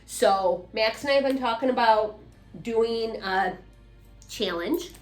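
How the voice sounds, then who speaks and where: Faint music plays in an echoey room as a mother in her fifties co-hosts a relaxed conversation. Her voice sits on the high side and moves slowly, wandering through false starts and filler words.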